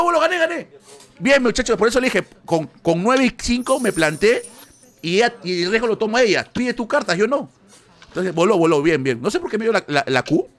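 Excitable Peruvian man streaming live. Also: sits high. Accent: Peruvian Spanish. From Peru. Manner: excitable, thinks aloud, yelps when winning. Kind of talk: live gambling stream commentary.

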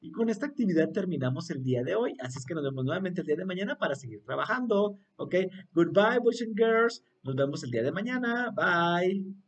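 A man's voice: sits high, expressive, brisk, far from the mic, lo-fi sound. A man teaching English to young children in an online class, cheerful and coaxing, asking them to repeat words after him.

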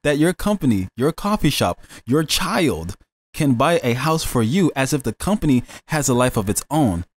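Lively, earnest male course host. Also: normal speed. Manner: earnest, upbeat sales pitch. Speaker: business consultant and course host. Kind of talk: scripted motivational voice-over.

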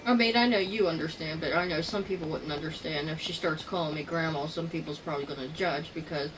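A middle-aged woman chatting casually on a call, defensive and self-conscious, quick to laugh. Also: low-pitched, recorded from a distance, background noise. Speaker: friend on a call. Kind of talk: casual phone chat.

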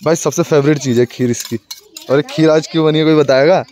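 A man's voice: fairly high pitch, fairly even intonation, brisk, crowd noise. A young man chatting casually through a family vlog, teasing relatives and talking to his viewers. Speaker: vlogger.

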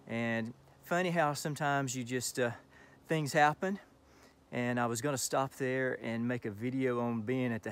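A middle-aged man vlogging casually while hiking, chatty and upbeat, talking into a phone held at arm's length on a wooded trail. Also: medium pitch. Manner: upbeat, chatty, self-encouraging. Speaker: thru-hiker vlogger. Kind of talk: casual selfie vlog. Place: outdoors on a wooded forest trail.

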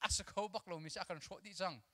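Youth-conference preacher, thirties, male. High, bright voice, lively call-and-response delivery into a handheld mic, with a long reverb tail from the hall. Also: quick pace, studio quality. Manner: animated, mixes English with his own language, drills the crowd with call-and-response. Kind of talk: energetic sermon to a youth audience. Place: large church auditorium stage.

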